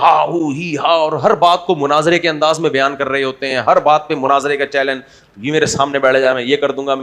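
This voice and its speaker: A man's voice: fairly high pitch, a bit bright. A man preaching an Islamic sermon in a conversational, humorous way, asking the audience rhetorical questions. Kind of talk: Urdu sermon.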